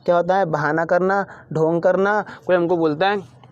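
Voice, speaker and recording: A man with a high voice teaches English vocabulary, repeating each word and asking it back like a drill. The recording is dry and a little dull, with no room sound. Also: steady tone, normal speed, no echo. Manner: repeats each word with call-and-response questions. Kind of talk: Hindi-language English vocabulary lesson.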